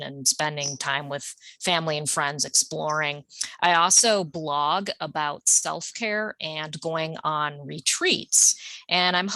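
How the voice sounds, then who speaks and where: Woman with a deep, bright, dry voice. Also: dry recording, poor audio. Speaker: panelist, writer. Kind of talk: panel self-introduction.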